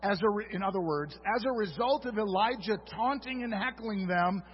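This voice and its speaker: A man's voice: high-pitched, normal speed, slightly rough. A man preaching a sermon as a pastor, retelling a story with humorous asides to the congregation. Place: church sanctuary. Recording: dull audio with long hall reverb.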